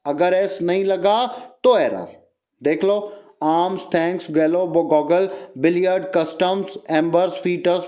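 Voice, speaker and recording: A young man teaching an exam-prep grammar lesson, repeating phrases and firing quick questions at his students. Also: high-pitched, darkish tone.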